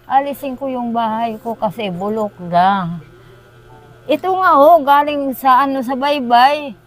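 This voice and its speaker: An older grandmother being interviewed, talking loudly and bluntly in a casual chat. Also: high-pitched, measured pace. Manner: loud, blunt.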